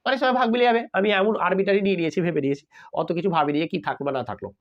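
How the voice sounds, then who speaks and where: A man's voice: sits high, expressive, racing. A man teaching a math lesson in a casual way, talking straight to his students and often checking that they have understood. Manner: talks straight to students, asking "got it?" often. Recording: slightly dull lo-fi audio.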